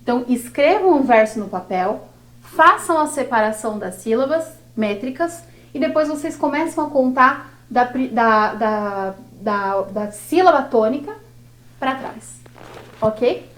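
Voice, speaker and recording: Slow, high-voiced woman teaching. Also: animated. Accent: Brazilian Portuguese. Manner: slow and didactic, spelling out syllables. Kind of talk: workshop lesson on poetry.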